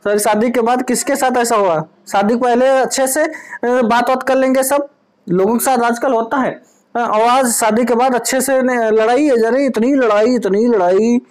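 A man talking casually to his wife and to his viewers in a home vlog, calm, firm and teasing, recorded indoors on a camera set up in front of him. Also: very high voice, normal speed. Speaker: vlogger husband pulling a prank.

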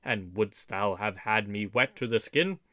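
A man putting on a hulking, sulky outlaw who growls low and grudging, a storybook brute vexed at being scolded. The voice drops well below the narrator's own and stays dry and close. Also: measured pace, a bit bright, no echo. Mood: sullen. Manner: growling, sullen. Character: gruff sullen giant outlaw man.

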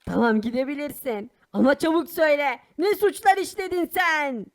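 A fiery poor boy hero from a cartoon, with a very high, piping voice. He barks orders and scolds people who cross him. He is brave and impatient. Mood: indignant. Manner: bossy, scolding, quick to anger. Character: poor young hero boy, bold and hot-tempered. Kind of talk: animated cartoon voice acting.

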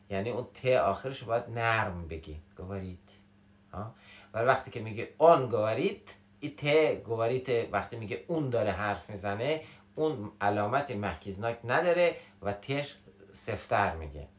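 A man's voice: lowish voice, echoey room. A man with a Shirazi Persian accent giving a casual spoken language lesson, playful and acting out everyday examples. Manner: playful, acts out everyday examples, swings between animated and quiet. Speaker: Russian language teacher.

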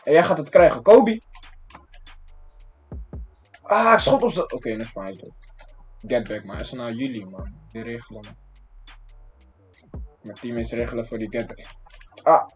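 Excitable young gamer man, lively pitch. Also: normal speed, long pauses, faint music behind. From Netherlands. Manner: excitable, slangy, sudden yelps and shouts. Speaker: gaming streamer. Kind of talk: live gameplay commentary.

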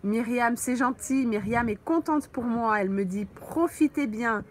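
A woman teaching French on a live stream, slowly answering viewers' comments with frequent pauses and fillers, from a holiday mobile home. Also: on the high side. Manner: slow, patient, thinks aloud with many fillers.

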